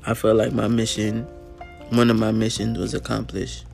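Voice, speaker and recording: A man hosting his own show, telling a personal story in an earnest, casual way, often clearing his throat and using fillers, sounding a little tired. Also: lowish voice, monotone, moderate pace, a little mellow, faint music behind. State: tired, yawning. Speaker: podcast host.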